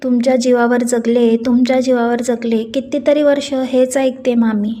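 A calm, defiant young woman speaks firmly and steadily, as a woman storyteller voices her. Her voice is slightly high, even and mellow. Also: moderate pace, close to an everyday voice. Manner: firm, steady.

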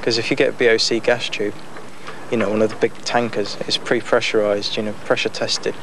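A young man speaking casually in an interview outdoors on a boat deck, relaxed and chatty, with frequent fillers and laughs. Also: lowish voice, fairly quick. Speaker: amateur boat builder. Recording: noisy outdoor 1990s news tape.

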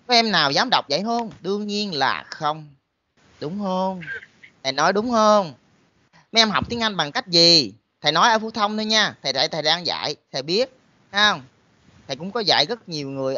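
A man's voice: high-pitched, pushed and bright, no room sound, dull audio. A man with a Southern Vietnamese accent, a college teacher giving a motivational talk to students and constantly throwing in rhetorical questions. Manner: emphatic, full of rhetorical questions.

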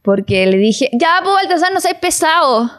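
A woman in her thirties with a Chilean accent, co-hosting a casual chat and telling quick family stories, acting out what others said. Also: sits high, sing-song, fairly bright tone. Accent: Chilean Spanish. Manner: quick storytelling, acting out quotes. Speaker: podcast co-host.

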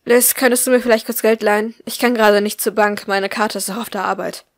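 A woman voicing an angry, stressed middle-aged mother who yells shrilly at her daughter, in an audiobook reading. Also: fairly even intonation, brisk, no room sound, clean studio sound, natural voice. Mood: pleading. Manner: shrill, yelling insults.

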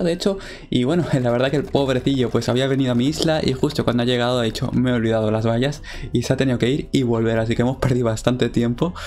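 A young adult gaming video creator with a Spain Spanish accent chats casually to viewers over gameplay, using plenty of fillers. His voice is medium-pitched, creaky and darkish.

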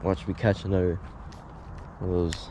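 A man with a fairly low voice gives a relaxed, half-muttered commentary while fishing from a grassy pond bank. He is picked up by a body-worn action camera, with outdoor noise clearly audible behind him. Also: normal speed. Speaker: angler filming his fishing trip. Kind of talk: casual running commentary.

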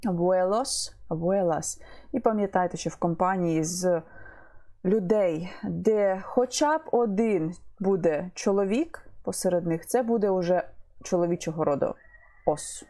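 A woman teaching an online language lesson, explaining patiently, repeating words and pausing with fillers. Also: lowish voice, dark tone.

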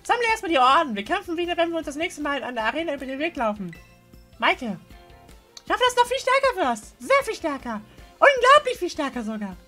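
Woman doing a teenage girl champion, video game, eager, intense, high-pitched. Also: big pitch swings, a little fast, bright, forceful tone, soft background music, full character voice. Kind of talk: dubbing video game dialogue.

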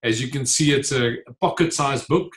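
Speaking at a moderate pace with medium pitch, a man in his forties, an author and entrepreneur from the Free State, is interviewed over a video call from his home office. He has a South African accent, grew up speaking Afrikaans, and answers earnestly, gesturing and filling pauses often.

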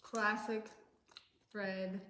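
A woman's voice: mid-range voice, little pitch movement, drawn-out words, pushed and bright. A woman co-hosting a casual taste-testing vlog, making short dry remarks. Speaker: vlog co-host. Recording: echoey room, faint noise.

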